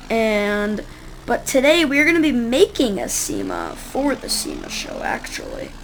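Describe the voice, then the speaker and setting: Rambling, gravelly role-play narrator with a wildly swinging pitch. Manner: rambling, often restarting and correcting themselves. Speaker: role-play narrator running a car shop. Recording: noisy recording.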